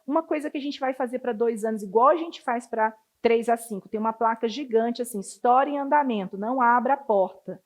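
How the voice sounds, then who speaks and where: A woman's voice: a little high, brisk, few pauses. A woman giving a casual training talk to children's ministry volunteers, chatty and full of anecdotes. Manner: chatty, storytelling, acts out children's voices.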